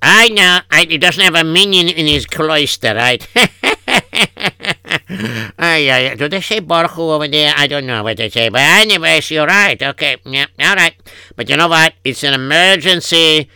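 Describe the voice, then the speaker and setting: A man's voice: a little high, expressive, moderate pace, sharp tone, smooth, no echo, full character voice. A man playing a fretful Yiddish-accented husband. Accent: Yiddish-inflected English. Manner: kvetching, sighing oy vey. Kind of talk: improvised comic radio story.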